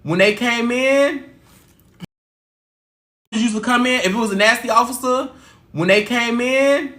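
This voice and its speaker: A woman hosting a casual livestream chat, telling stories in an expressive, animated way. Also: fairly high pitch, unhurried, roomy sound. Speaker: livestream host.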